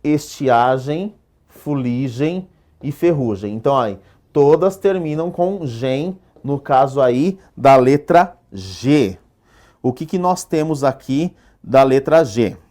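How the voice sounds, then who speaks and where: A Brazilian man teaching an exam-prep lesson at a middle pitch. He states rules slowly with heavy stress and keeps asking rhetorical check-in questions. He sounds like he is speaking in a classroom or studio on a lapel mic. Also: lively intonation, mellow. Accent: Brazilian Portuguese. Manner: drills rules with rhetorical questions, asks "perfeito?" often; slow, stressed delivery when stating rules.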